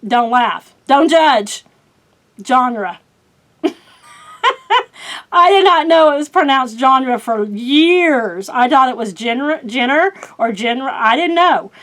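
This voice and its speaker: A woman's voice: high-pitched, expressive, takes it slowly, fairly bright tone. A middle-aged woman with an Oklahoma accent chatting casually about books on her channel, rambling with plenty of fillers and laughing at herself. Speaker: book vlogger. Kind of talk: casual chat.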